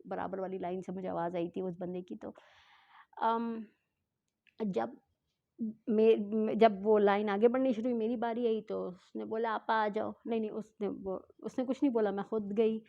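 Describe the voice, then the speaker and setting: A woman telling a travel story in a casual vlog, chatty and often correcting herself, mixing in English phrases and speaking slowly on purpose. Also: mid-range voice, fairly even intonation, vocal fry, muffled recording. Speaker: travel vlogger.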